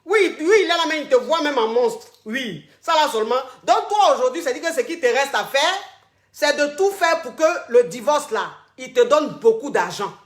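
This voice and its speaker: A woman's voice: high-pitched, expressive, normal speed. A woman hosting an advice call, coaching a caller in a dramatic, teasing way and repeating her phrases over and over. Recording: roomy echo.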